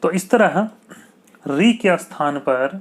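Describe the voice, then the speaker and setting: Slow, repetitive male teacher. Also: a little high, animated. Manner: slow, repetitive, asks checking questions. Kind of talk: exam-prep grammar lesson.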